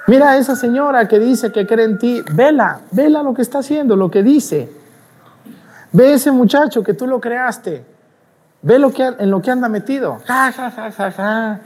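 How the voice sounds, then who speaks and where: A man voicing a gloating male devil who taunts God, with a high, mocking, cackling manner. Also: lively intonation, normal speed, darkish tone.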